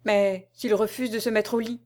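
A woman reading aloud and voicing a scheming male courtier who speaks in a plaintive, mock-solicitous, drawn-out way. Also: medium pitch, steady tone, darkish tone, close to an everyday voice. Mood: deferential.

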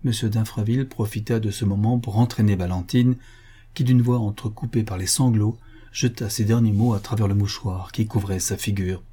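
A man narrating a classic novel in a steady, measured way. His voice is mellow and dark, with a slight huskiness to it. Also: on the low side, husky.

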